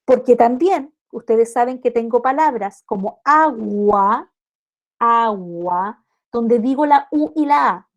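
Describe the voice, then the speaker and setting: A woman lectures a class, patient and explanatory, checking in with her listeners through frequent tag questions. Her voice sits high and has a warm, mellow tone. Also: moderate pace, hardly any pauses. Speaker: university lecturer teaching early literacy.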